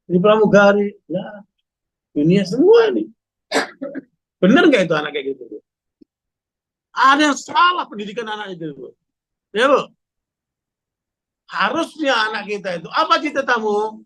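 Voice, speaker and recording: Male preacher, high-pitched voice, animated sermon, rhetorical questions. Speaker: Islamic preacher. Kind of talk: sermon to a women's study group.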